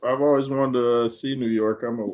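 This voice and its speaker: A man's voice: medium pitch, a little fast. Chill guy hosting a video call stream, lots of uh and man, muffled audio. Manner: relaxed, many fillers, says man. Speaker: host. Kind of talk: casual chat. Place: small room indoors. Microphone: video call webcam.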